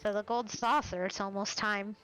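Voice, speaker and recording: A woman's voice: medium pitch, steady tone, normal speed, a bit bright, clean tone, soft background music, poor audio. A woman chatting casually with a friend while they play a game together, easygoing and chuckling. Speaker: friend playing along. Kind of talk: casual gaming chat.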